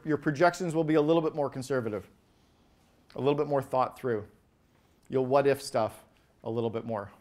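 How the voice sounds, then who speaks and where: A man giving an energetic business keynote on stage, firing quick questions at the audience and rattling off lists. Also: a little high. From Canada. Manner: animated, asks the audience quick questions, acts out quoted voices. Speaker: keynote speaker. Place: event stage before a live audience.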